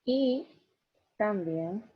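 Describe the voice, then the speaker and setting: A woman's voice: mid-range voice, lively intonation, drawn-out words, slightly rough. A woman teacher giving a class, explaining patiently step by step and checking in with her students often. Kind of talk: online class lecture. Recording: dull lo-fi recording.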